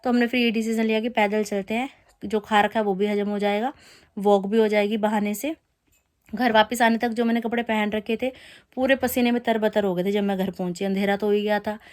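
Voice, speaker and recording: A woman's voice: medium pitch, fairly even intonation, a little fast. A woman in her thirties chatting through a family vlog, telling the day's story with teasing complaints. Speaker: family vlogger. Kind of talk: casual vlog narration.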